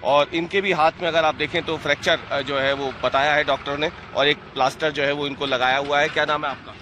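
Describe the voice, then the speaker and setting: A male television reporter questions witnesses on a busy street, his voice a little high. He asks pointed questions and wraps up with a formal sign-off, while street noise is plainly audible behind him. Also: level tone, a little fast. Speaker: field reporter. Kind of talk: news field report.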